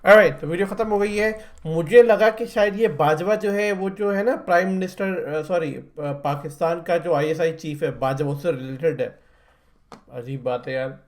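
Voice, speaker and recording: A man's voice: a little high, moderate pace, faint music behind. A young man hosting a reaction video, talking in a chatty, rambling and blunt way. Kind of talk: casual reaction commentary.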